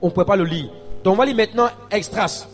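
A male pastor preaching a sermon, often repeating and stumbling over words, swinging between quiet explanation and loud calls to the congregation. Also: sits high, quick pace, in a large hall. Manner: preaching with call-and-response to the congregation, rising to shouts.

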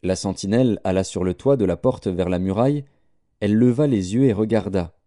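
Solemn man with a very dark voice. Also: on the low side, dry recording, studio quality. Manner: measured, solemn. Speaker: scripture reader. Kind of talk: scripted Bible reading.

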